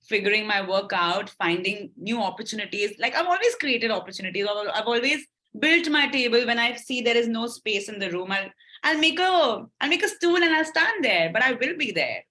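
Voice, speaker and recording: A woman's voice: moderate pace, rough recording. A young woman as a podcast guest, telling her story candidly and acting out the lines of the people in it. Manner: animated, acts out quoted dialogue with shifting pitch.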